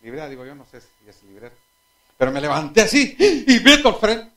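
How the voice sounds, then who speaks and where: A man with a high voice talks fast as he preaches a sermon. The pastor tells lively anecdotes, laughs at his own stories, and puts direct questions to the congregation.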